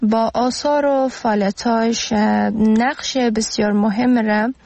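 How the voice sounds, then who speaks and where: A woman teacher with an Afghan Dari accent speaks in a fairly high voice. Her delivery is measured and full of hesitant pauses. The sound is dry and close. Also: fairly even intonation, vocal fry, a little mellow, no room sound. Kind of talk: radio lesson.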